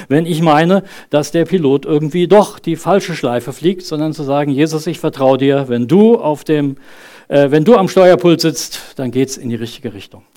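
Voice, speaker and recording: A man's voice: fairly high pitch, a little mellow. Earnest conversational male preacher. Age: 30s. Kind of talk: sermon. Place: church service.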